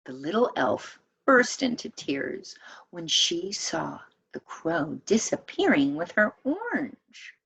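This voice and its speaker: A woman reading a children's story aloud as an expressive storyteller. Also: on the low side, slow pace, creaky, slightly rough.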